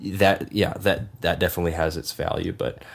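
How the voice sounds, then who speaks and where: A man's voice: deep voice, little pitch movement, fairly quick, creaky. A man hosting an interview, talking in a loose, rambling conversational way. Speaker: podcast host. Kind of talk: casual interview chat.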